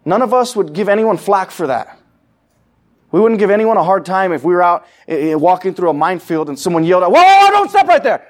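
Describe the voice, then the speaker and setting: A man's voice: high-pitched, brisk. A man preaching a sermon in a church sanctuary, talking casually with the congregation and acting out quoted voices. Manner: conversational preaching, acts out quoted voices, asks the congregation questions. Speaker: pastor.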